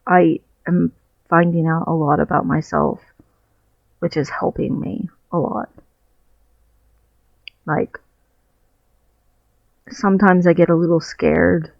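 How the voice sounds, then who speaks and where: Seated on his bed at home, a male vlogger reflects candidly in a personal video diary, feeling his way toward each phrase. His voice is fairly high and creaky, and the headset recording is dry. Overall the audio is lo-fi, dull and muffled.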